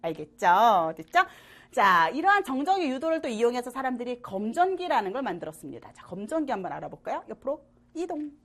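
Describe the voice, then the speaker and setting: Brisk and a little high-pitched, this woman leads an online middle school science class with playful humor and lots of energy. She keeps checking in with students through frequent questions to confirm they're keeping up.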